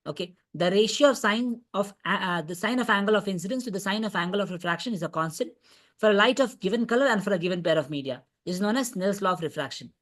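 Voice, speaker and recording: In an online revision class held over a video call, a woman with an Indian accent teaches physics, going back over points and frequently checking that students understand. Her mid-range voice is animated and fairly bright, and she speaks at a quick pace.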